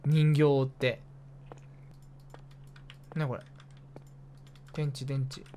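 A man with a warm, medium-pitched voice and flat delivery streams a horror game with casual commentary. He narrates his moves to himself and, being jumpy, keeps yelping with sudden, repeated startled exclamations.

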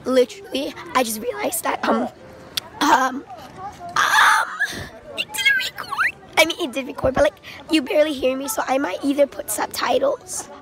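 A young woman chatting casually and informally to a handheld camera, rambling a little. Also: high voice. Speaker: vlogger. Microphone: handheld camera at arm's length. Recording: noisy handheld home-video sound.

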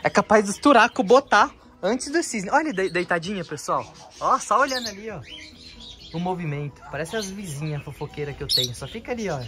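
A man's voice: high-pitched, animated, brisk. A man hosting a casual vlog as he tours his bird enclosures outdoors, chatting to viewers and cooing at the birds in baby talk. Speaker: bird keeper and vlog host.

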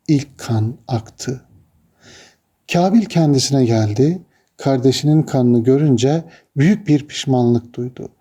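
A man tells an old religious story in a measured, solemn way. His voice sits at a middling pitch and sounds warm and relaxed. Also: husky. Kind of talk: narrating a religious tale.

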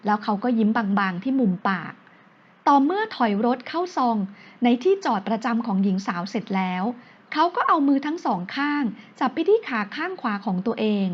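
A woman narrates a romance novel with a steady storytelling delivery. Her voice is high-pitched. The recording sounds dull and lo-fi. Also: a little fast, slightly rough.

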